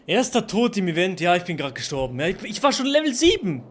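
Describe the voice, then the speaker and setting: A man's voice: high voice, wildly swooping pitch, fast, a bit bright, a little hiss or hum. A young man live-streaming a video game, swearing and venting his frustration to his chat. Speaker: gaming streamer.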